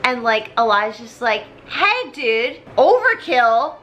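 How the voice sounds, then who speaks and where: Speaking slowly in a voice on the high side, a tipsy woman rambles through a comic tale in casual slang. She performs the characters as she goes, animated and drunkenly meandering in her storytelling.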